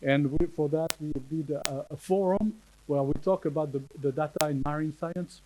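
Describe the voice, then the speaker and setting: A man with a French accent gives a conference talk in English, pausing often and restarting his phrases. His voice sits a little high yet sounds mellow and dark. A faint hiss runs under the recording. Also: poor audio. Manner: halting, many fillers and restarts. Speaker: conference speaker. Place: conference hall.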